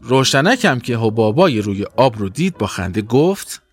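Lively male storyteller. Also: medium pitch. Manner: expressive, animated storytelling. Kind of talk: children's story narration.

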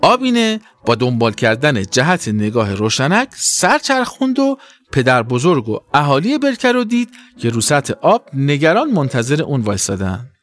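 A man narrating a children's story with an expressive storytelling voice. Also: mid-range voice.

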